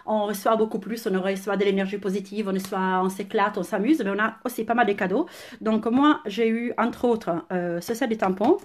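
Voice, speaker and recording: A woman with an Italian accent chats enthusiastically while unboxing crafting products on a casual live stream, often pausing on "euh". Her voice is medium-pitched, and the phone-camera recording made indoors at home carries a little hiss or hum.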